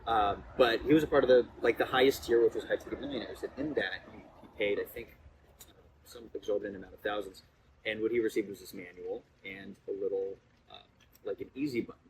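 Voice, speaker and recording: A man speaks as a guest on a casual podcast with clear noise around him. He tells anecdotes playfully and likes to tease. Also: fairly low pitch, brisk. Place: seated in an ice bath at a retreat. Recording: clearly noisy ambient background.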